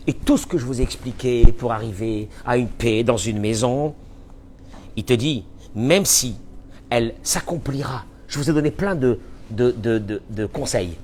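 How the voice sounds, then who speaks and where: A male rabbi teaching a Torah lesson in a mid-pitched voice. He is emphatic and repeats his key phrases, with the volume rising and falling. A faint hiss sits underneath. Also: normal speed. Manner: emphatic, repeats key phrases, swings between loud and soft.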